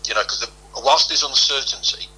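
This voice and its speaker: A middle-aged man, head of operations at a football club, answers interview questions at length in a fairly quick, mid-range voice that is bright, forceful and slightly rough. He repeats himself as he explains, and the audio quality is poor.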